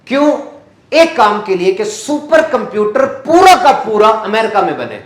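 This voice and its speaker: A man giving a live motivational talk on stage, animated and quizzing the audience playfully. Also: sits high. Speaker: motivational speaker. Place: stage at a live event hall. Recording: echoey hall.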